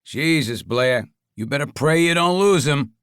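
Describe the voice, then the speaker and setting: A man reading the audiobook voices an impatient, crude mob boss who snaps gruffly. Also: a little high, lively intonation, unhurried, fairly bright tone, no echo, studio quality, pitched above the performer's own voice. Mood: irritated.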